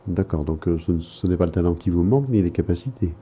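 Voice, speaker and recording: A man speaking as an analyst, asking probing questions and offering interpretations in a measured, therapeutic conversation. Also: sits low, mellow, husky. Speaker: psychoanalyst interviewing a caller.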